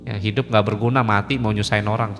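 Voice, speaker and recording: A man's voice: fairly low pitch, fairly even intonation, fast, music in the background. A male pastor giving an informal, colloquial sermon, joking and acting out conversations as he preaches. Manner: colloquial, joking, acts out dialogues. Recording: long hall reverb.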